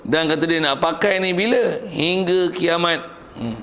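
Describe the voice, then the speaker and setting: Malaysian guy teaching religion class, gravelly voice, bit higher pitched, chatty and jokey. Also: measured pace, a bit bright. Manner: conversational, asks and answers his own questions; jokes with the class.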